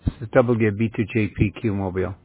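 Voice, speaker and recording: Man, amateur radio operator, casual chat, raspy tone, very dry tinny two-way radio sound. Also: on the low side, fairly even intonation, a little fast, no room sound. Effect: two-way radio transmission. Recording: tinny, roomless narrowband radio.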